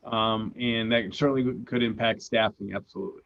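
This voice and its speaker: A man's voice: fairly low pitch, fairly even intonation, brisk, gravelly, muffled recording. A man, a school administrator, answering questions hesitantly on a video call. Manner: hesitant, agreeable.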